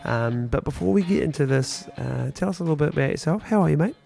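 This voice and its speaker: A man's voice: fairly high pitch, expressive, fast talker, gravelly, dark tone, soft background music. A man with a New Zealand accent hosts a casual podcast interview in a shop, talking loosely with local slang. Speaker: podcast host.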